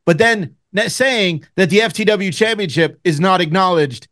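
Higher voiced guy on a wrestling pod, talking it through. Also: normal speed, fairly bright tone. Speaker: podcast co-host. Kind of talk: casual wrestling podcast chat.

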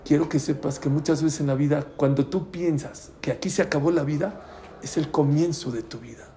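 A man's voice: fairly high pitch, brisk, warm tone. A man, a rabbi giving a storytelling sermon who keeps asking his listeners questions. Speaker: rabbi teaching a Torah class.

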